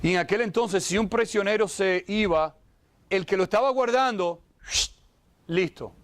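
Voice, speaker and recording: A high-pitched man delivering a lively sermon. He stops to put questions straight to his listeners and breaks into short acted-out voices of the people in the story. His delivery is animated and full of exclamations. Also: moderate pace, no echo. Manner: animated, acts out voices of Bible figures; exclaims "wow" often, asks listeners direct questions. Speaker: pastor.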